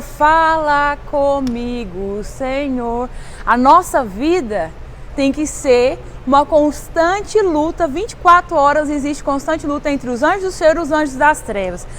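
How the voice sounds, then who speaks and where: A woman's voice: sits high, a bit bright, slight background noise. A middle-aged woman pastor with a Brazilian Portuguese accent, preaching casually and emphatically, asking the listener question after question. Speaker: volunteer pastor.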